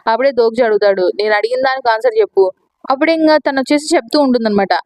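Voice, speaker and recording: A woman with a Telugu accent talks through a comic story at a fast clip, retelling each character's words in her own casual voice and slipping English words in. Her voice sits high, and the sound is dry and close. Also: darkish tone, no echo, rough recording. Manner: quick, chatty retelling with English words mixed in. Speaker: manhwa recap narrator. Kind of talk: casual spoken recap narration.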